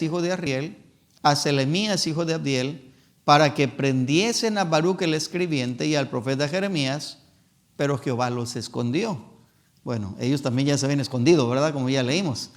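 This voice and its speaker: Emphatic Spanish-speaking preacher man. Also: a little high. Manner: emphatic preaching, voices imagined excuses in a raised voice; reads scripture slowly and deliberately. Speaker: evangelist. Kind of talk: sermon. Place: church.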